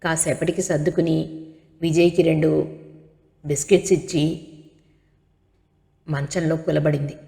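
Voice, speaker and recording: A woman reading a novel aloud as an audiobook narrator, in steady expressive storytelling, with a long hall reverb. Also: sits low, measured pace, creaky, long pauses.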